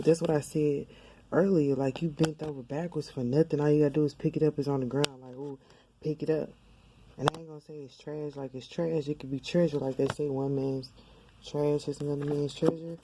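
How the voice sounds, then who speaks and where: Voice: mid-range voice, mellow, a little hiss or hum, poor audio. A tarot reader speaking straight to the camera in a loose, colloquial, rambling way, full of fillers, who acts out quoted voices. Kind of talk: casual tarot reading to camera. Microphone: camera mic.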